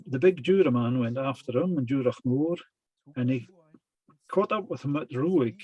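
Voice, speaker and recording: A man giving a lecture that retells traditional tales, speaking in a halting, deliberate way. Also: medium pitch, darkish tone, breathy edge, poor audio.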